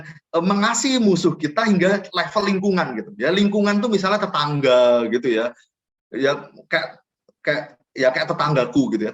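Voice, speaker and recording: A man's voice: fairly high pitch, highs cut off. A middle-aged man, giving a casual teaching talk with personal stories at a prayer fellowship, chatty and often adding little tag phrases.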